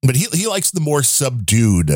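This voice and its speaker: A man's voice: medium pitch, big pitch swings, moderate pace, darkish tone, no echo. A chatty man with a mid-range voice, co-hosting a podcast and reading donor thanks. He rambles with wry asides, and his voice sounds dry and close. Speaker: podcast co-host.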